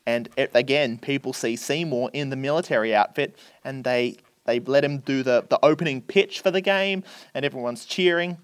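A man's voice: medium pitch, moderate pace, hardly any pauses, clean tone, dry recording. A man, chatting on a podcast and retelling a film plot, acting out the characters' lines. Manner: animated storyteller, acts out characters' lines.

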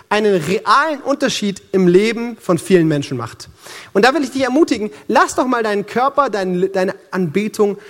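A man with a Franconian accent preaching a sermon in a church, lively and joking as he talks straight to the congregation. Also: high-pitched. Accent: Franconian German. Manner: lively, joking and conversational, addressing the congregation directly. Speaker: pastor.

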